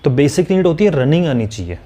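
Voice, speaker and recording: A man's voice: fairly high pitch, big pitch swings, warm tone. A man teaching maths straight to camera, scolding and coaching his students in a direct teacher's manner. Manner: acts out students' replies and recites tables quickly.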